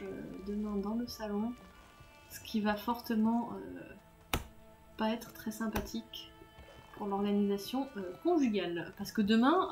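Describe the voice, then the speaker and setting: A woman's voice: medium pitch, a little mellow. A woman chatting casually with her viewers while live-streaming a game, self-mocking and laughing at her own mistakes. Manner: self-mocking, talks to chat, laughs often.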